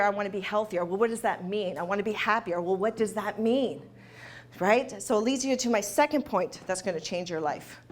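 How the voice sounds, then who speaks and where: A woman giving a motivational talk to a live audience, emphatic and repeating key phrases for effect. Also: mid-range voice. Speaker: motivational speaker. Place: event hall.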